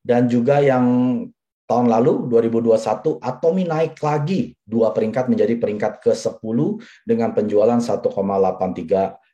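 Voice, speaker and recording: Heard through a muffled recording, a forty-something business presenter pitches persuasively at a seminar, talking directly to the audience and stressing his key points repeatedly. He speaks at a medium pitch and moderate pace, with a dark tone.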